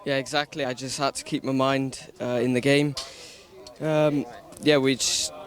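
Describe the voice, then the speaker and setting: A man's voice: medium pitch, flat delivery, normal speed. A tired young man answers questions after a kart race, hesitant and short of words. He stands a little back from the microphone. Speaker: second-placed driver.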